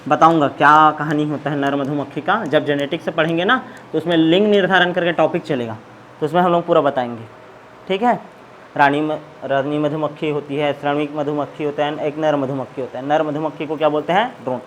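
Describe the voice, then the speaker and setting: High-voiced male biology teacher. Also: fairly even intonation, a little fast, a bit bright, slight background noise. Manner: asks a question then answers it himself, repeating key terms. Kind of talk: classroom lecture with call-and-response questions.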